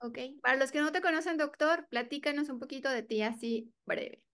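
Host, woman, upbeat, brisk questions, slightly high pitch. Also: a bit bright. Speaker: dentist host. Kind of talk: interview hosting.

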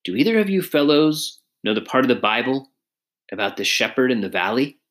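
A man's voice: medium pitch, very animated, brisk, a bit bright. A man voicing a short, shy frontier soldier who talks in an anxious, folksy way.

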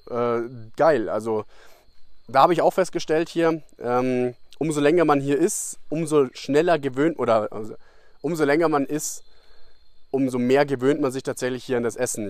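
A young man talks loosely in a casual solo podcast, drifting between thoughts and filling gaps with fillers and restarts. His voice sits at an ordinary middle pitch. The recording is dry and close, with no room sound. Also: no echo. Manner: rambling, many fillers and restarts, colloquial. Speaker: podcast host. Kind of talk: casual rambling monologue. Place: abroad in Costa Rica.

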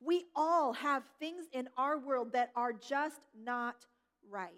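A middle-aged woman pastor preaching a sermon, gentle and reflective, slowing down to stress key words. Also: high-pitched. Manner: gentle, reflective, slows for emphasis. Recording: long hall reverb.

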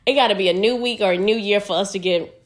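Young American woman, solo podcast host; frank, profane, high-energy chat, mid-range voice. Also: quick pace. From United States. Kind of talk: casual solo podcast monologue.

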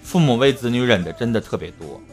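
A man's voice: medium pitch, expressive, quick pace, soft background music. A man hosting an advice talk show, emphatic and full of rhetorical questions. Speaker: radio advice show host.

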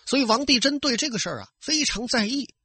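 Lively, husky male storyteller. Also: very high-pitched, quick pace, no room sound. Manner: lively, conversational, addressing listeners. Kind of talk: traditional oral storytelling.

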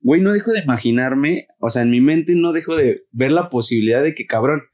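Mexican man, young adult, teasing co-host, crude jokes, quick interjections. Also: medium pitch, expressive, a little mellow. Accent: Mexican Spanish. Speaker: podcast co-host. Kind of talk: casual chat.

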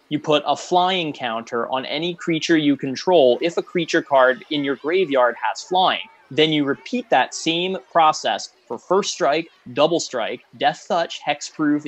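A man's voice: a little high, animated, measured pace, hardly any pauses. Sarcastic man reviewing game cards. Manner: sarcastic, blunt, laughs often. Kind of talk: casual chat.

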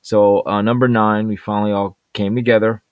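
A man hosting a podcast, introducing clips in a halting way with many filler pauses. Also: fairly low pitch, little pitch movement, smooth, dry recording, dull audio. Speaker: podcast host.

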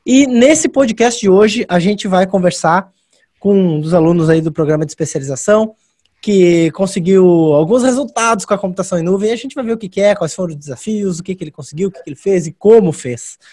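A man's voice: high voice, brisk, dark tone. A man with a Brazilian Portuguese accent hosting a podcast and interviewing a guest in a casual style. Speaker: podcast host.

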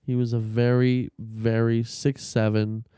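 A man's voice: mid-range voice, flat delivery, a little slow, dark tone, clean tone, dry recording, clean studio sound. A man on a casual podcast, telling a long story with profanity, fillers and restarts. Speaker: podcast co-host.

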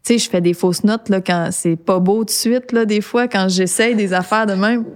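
A young adult woman with a Québécois French accent, a singer-songwriter talking in a casual interview, reflective and halting with frequent restarts. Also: medium pitch, fairly even intonation, a little mellow. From Quebec.

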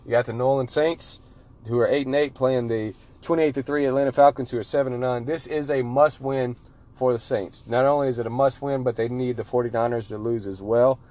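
A man with a mid-pitched voice hosts a sports podcast. He is chatty and informal, circling back on his own phrases, over a clearly audible music bed. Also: steady tone, a little fast, a little mellow. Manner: chatty, repeats himself, informal. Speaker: podcast host. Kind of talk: casual sports podcast talk.

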